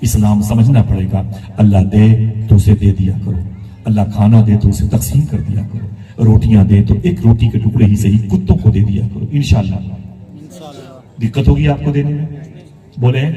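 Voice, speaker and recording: A man's voice: fairly low pitch, steady tone, normal speed, warm tone. A man preaching a dramatic sermon at a religious gathering, asking the audience rhetorical questions. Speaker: Islamic preacher. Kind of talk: sermon storytelling. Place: large hall at a religious gathering. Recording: echoey hall, voice far from mic.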